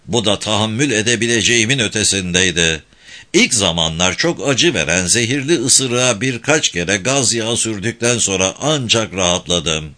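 A man reading a first-person travel memoir aloud as an audiobook, with lively, expressive delivery. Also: lowish voice. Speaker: audiobook narrator.

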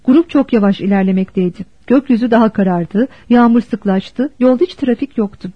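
A woman narrating a novel as an audiobook in a steady, expressive storytelling manner. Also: a little high, moderate pace, no echo. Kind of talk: scripted narration. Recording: dull dry lo-fi recording.

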